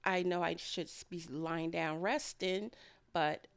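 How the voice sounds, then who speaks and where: Speaking slowly with fairly even intonation, a woman with a low, gravelly but clean voice gives a casual voice-over of a kitchen process. She's a home food and garden vlogger whose rambling narration often carries a light chuckle.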